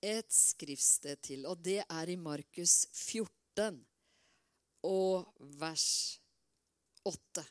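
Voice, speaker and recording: A middle-aged woman preaching a sermon in a lively, conversational way, with many asides and repeated words. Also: on the low side, no room sound, studio quality.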